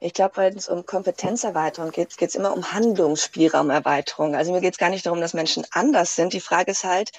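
A woman, a psychologist and lecturer, answering questions in a radio interview in a calm, explanatory way. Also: fairly low pitch, quick pace, hardly any pauses, no echo.

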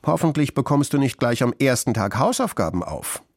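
A man voicing cheeky young fox siblings in a storybook, squeaky and teasing. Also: sing-song, a little fast, no echo, clean studio sound.

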